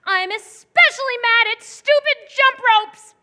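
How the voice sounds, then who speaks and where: A woman's voice: extremely high pitch, expressive, a little slow, bright, forceful tone, full character voice. A woman playing a petulant, grumpy little sister in a stage musical, announcing her bad mood. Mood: sulky. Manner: petulant, declares she is angry. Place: community theater stage.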